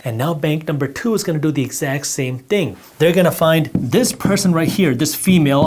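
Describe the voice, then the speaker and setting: This is a fairly high, somewhat mellow male voice: a man who grew up speaking Punjabi, giving a personal finance lesson. He talks straight to the camera, direct and emphatic, sketching on a board as he goes.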